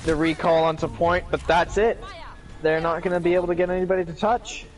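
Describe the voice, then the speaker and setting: A man giving live play-by-play commentary on an esports match, with excited calls and joking asides. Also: sits high, brisk. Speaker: esports caster.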